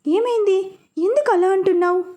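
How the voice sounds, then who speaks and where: A woman's voice: sits high, lively intonation, moderate pace, mellow. A woman voicing a worried middle-aged mother asking her daughter anxious questions.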